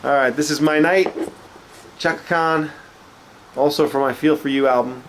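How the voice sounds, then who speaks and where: On a rough recording with slight background noise, a man speaks at normal speed in a higher-than-average, slightly nasal voice. He's got a cold and sniffles while casually showing off his record collection, chatty and full of fillers.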